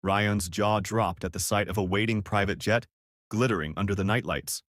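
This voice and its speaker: A man narrating a romance story in an expressive, lively storybook style. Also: on the low side, normal speed, dry recording, clean studio sound.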